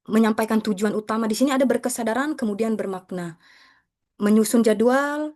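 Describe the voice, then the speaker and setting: Speaking to other educators, a teacher explains material in a conversational, respectful presentation style. Her voice sits a little high and sounds a little mellow, and she repeatedly addresses the audience with respectful terms.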